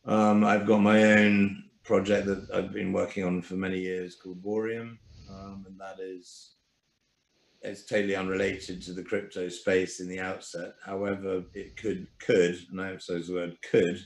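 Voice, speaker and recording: A man's voice: deep voice, level tone, normal speed, gravelly, roomy sound, low-quality recording. A man, a podcast guest, talking casually with many fillers and restarts. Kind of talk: casual interview talk.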